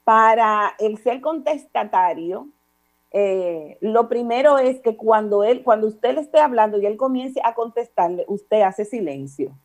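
Middle-aged Dominican woman, slightly high-pitched, patient and teacherly counselor delivering steady advice. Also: unhurried. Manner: calm, didactic, addresses listener formally with repeated examples. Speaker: parenting counselor guest. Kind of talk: advice talk on a radio or online show.

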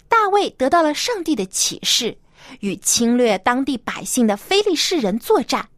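A woman's voice: fairly high pitch, no room sound, studio quality. A woman hosting a children's story programme, narrating expressively as if reading to a small child, with simple explanations and coaxing questions.

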